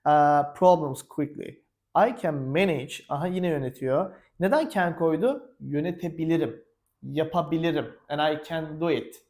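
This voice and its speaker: Turkish-accented guy teaching english, upbeat and lively, kinda high voice. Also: normal speed. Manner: energetic, mixes Turkish with English phrases. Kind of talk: casual spoken English lesson.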